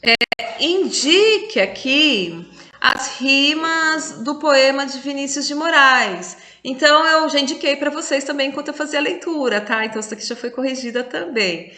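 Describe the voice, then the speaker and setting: A woman teacher talks through a lesson at an unhurried pace, spelling things out step by step. Her voice is bright and fairly high. The room around her rings with echo. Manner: patient, explains step by step, counts syllables aloud. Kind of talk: recorded online class. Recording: echoey room.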